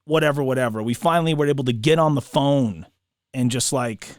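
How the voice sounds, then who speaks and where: A man co-hosting a casual podcast, telling stories in a slangy, excitable way with repeated words. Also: mid-range voice, a little fast, no room sound, clean studio sound. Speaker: podcast co-host; broadcaster. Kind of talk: casual chat.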